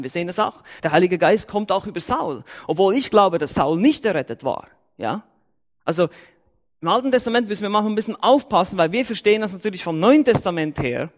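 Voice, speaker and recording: High-pitched male church elder, Bible-teaching sermon, emphatic, counts off his points. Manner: emphatic, repeats and numbers his points, lively rises and drops in pitch.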